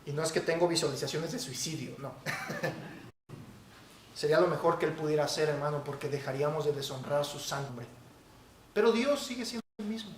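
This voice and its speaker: A man preaching a sermon as pastor, emphatic and building to forceful peaks. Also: on the high side, fast talker, far from the mic. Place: church hall. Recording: echoey church hall, faint noise.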